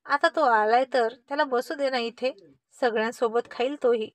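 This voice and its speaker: Brief: woman reading mellow, indulgent dad, calm, own high voice, dry close. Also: normal speed, dry recording, natural voice. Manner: calm, soothing. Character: calm indulgent father, gently amused.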